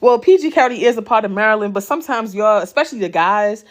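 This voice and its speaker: With a medium-pitched, expressive, fast voice, a Baltimore-accented woman from the city's West Side runs a casual ask-me-anything vlog answering viewer questions. She's blunt, profane, and streetwise, laughs easily, and chats on while checking in with "okay?" and "you know what I'm saying."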